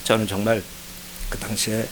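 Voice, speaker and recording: A man pastor preaching a sermon as a personal testimony, his voice shifting from hushed reflection to loud, pleading cries. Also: fairly low pitch, flat delivery, normal speed, a little hiss or hum, low-quality recording. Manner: emotional testimony, swings from quiet to loud pleading. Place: church sanctuary.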